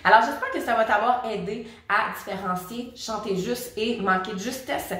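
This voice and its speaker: A woman with a Québécois French accent gives a casual vocal lesson, teaching singing in a chatty, direct way and addressing the viewer straight on. Her voice is a little high and a bit bright, at a moderate pace, in a very echoey room.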